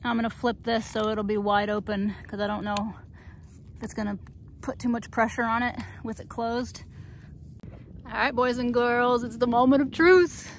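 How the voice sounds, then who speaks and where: A woman's voice: fairly high pitch, steady tone, moderate pace, slight background noise. A woman from Florida vlogging outdoors on a hillside, talking to viewers as she works, swearing casually and running out of breath. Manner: chatty, swears, talks to viewers while working. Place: outdoors on a hill by a canal.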